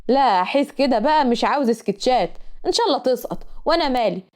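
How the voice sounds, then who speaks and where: A woman's voice: high-pitched, expressive, fast talker, darkish tone. A woman voicing a teasing young male student with an Egyptian accent. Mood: cheeky. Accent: Egyptian Arabic. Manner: teasing, cheeky.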